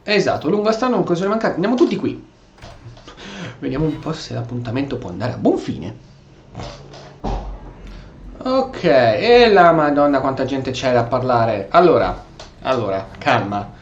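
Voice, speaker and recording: A streamer whose first language is Italian talks over a video game in a casual, exclamatory, animated role-play manner, using a mid-range voice at normal speed broken by long pauses. His slightly dull mic gives a roomy sound, and game audio plays underneath.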